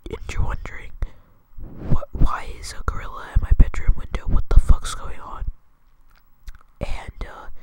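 A young man hosting his channel in a hesitant whispered role-play, rambling and jokey, with many fillers and restarts. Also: darkish tone. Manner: jokey, crude. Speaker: channel host. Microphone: close mic.

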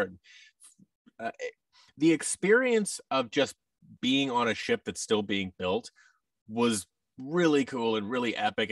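In his 30s and speaking in a lower register, this American actor and voice-over artist is a conversational interview guest. His fairly bright voice comes through a boom-arm microphone and headset a bit off-mic and distant, over a video call. Though he's in a large indoor room with tables, the sound is dry with no echo.

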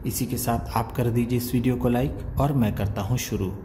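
A man teaching English word by word, reading each word slowly and then explaining its meaning. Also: mid-range voice, fairly even intonation, mellow, a little hiss or hum, poor audio. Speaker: English teacher, channel host. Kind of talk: slow word-by-word reading lesson.

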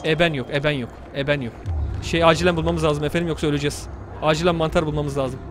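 A man's voice: fairly high pitch, steady tone, fast talker, background noise. A young man commentating a horror game let's play, muttering to himself and cursing at the game. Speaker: gamer.

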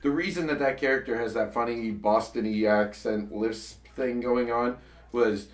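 A man's voice: mid-range voice, moderate pace, distant mic. A man co-hosting a talk about his comedy web series, chatting casually and often restarting his sentences. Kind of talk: casual chat. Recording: echoey room, voice a bit off-mic.

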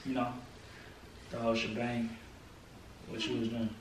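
A man's voice: medium pitch, monotone, moderate pace. Slangy young man, far off in an echoey room. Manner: slangy, laid-back, rising to heated shouting. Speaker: husband, vlogger. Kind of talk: casual argument. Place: indoors at home. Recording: very echoey room, mic far off, faint noise.

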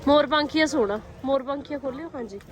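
A woman's voice: high voice, brisk, noisy background. A woman with a Punjabi accent in casual conversation while shopping. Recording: busy crowd chatter behind.

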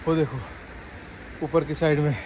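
A man from Gujarat, India, films a walking tour vlog and keeps excitedly telling viewers to look around. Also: on the high side, moderate pace, noisy background. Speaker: travel vlogger. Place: underground cafe, then outdoors on city streets. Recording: music playing behind the voice.

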